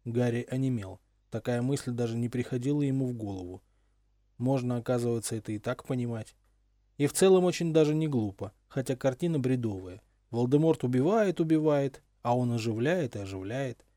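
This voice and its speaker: A man reading a fan-fiction audiobook aloud in a measured storytelling manner. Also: mid-range voice, dark tone, no echo. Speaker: audiobook reader. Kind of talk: audiobook narration.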